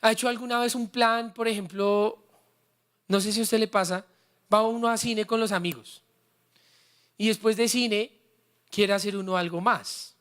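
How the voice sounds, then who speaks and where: Fervent pastor preaching. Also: male voice, sits high, steady tone, moderate pace, pauses often, a bit bright. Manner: fervent, prompts the congregation to repeat words; personal and heartfelt storytelling. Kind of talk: sermon.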